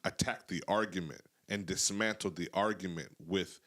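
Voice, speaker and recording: Male podcast host with a very low voice, earnest and emphatic. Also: fairly even intonation, moderate pace, fairly bright tone. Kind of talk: casual podcast conversation.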